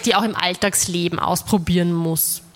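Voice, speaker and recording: A woman's voice: lowish voice, moderate pace, slight background noise. A woman from Austria telling a stand-up story, acting out the dialogue and talking to the audience. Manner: lively, acts out dialogue with an audience. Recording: reverberant hall.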